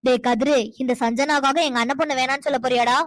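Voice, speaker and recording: A woman's voice: sits high, steady tone, quick pace, fairly bright tone, no room sound. A woman doing a domineering cartoon mother. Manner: scolding, commanding. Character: domineering scheming mother of a grown son. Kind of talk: cartoon voice acting.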